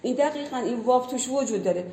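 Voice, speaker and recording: A woman's voice: a little high, animated, warm tone, slight background noise. A woman who teaches language, explaining earnestly in conversation and giving many spoken examples. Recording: roomy echo.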